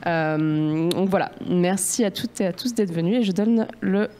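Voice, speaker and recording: A woman hosting a venue, giving a halting welcome speech in a bar before a public debate. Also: lowish voice, dark tone, slight background noise. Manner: halting, filler-heavy. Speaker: venue host.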